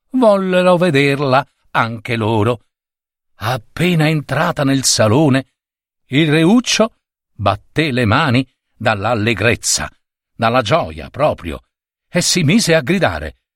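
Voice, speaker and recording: A man narrating a fairy tale expressively, with pauses and rising emphasis. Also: mid-range voice, fairly bright tone, no room sound, studio quality. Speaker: storyteller.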